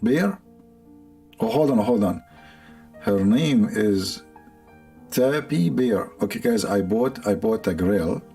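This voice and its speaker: Gravelly Arabic-accented man joking on stream. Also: lowish voice, lively intonation, slow, pauses often, mellow, faint music behind. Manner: rambling, sarcastic, laughs often. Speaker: livestream host. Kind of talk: casual joking monologue.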